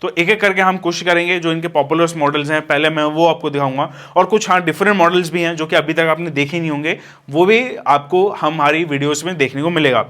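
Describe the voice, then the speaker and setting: A man talks through an unboxing in a loose, chatty way. His voice sits a little higher than most men's. He calls the viewers friends and fills his pauses freely. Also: fairly even intonation, a bit bright. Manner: casual, addresses viewers as friends, many fillers. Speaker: DJ equipment vlogger. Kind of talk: product unboxing review.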